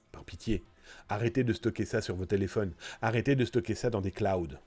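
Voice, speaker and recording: A man's voice: medium pitch, darkish tone. A man with a blocked, nasal nose, hosting a live news stream in a casual, chatty way, speaking straight to his viewers. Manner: chatty, informal, directly addressing viewers.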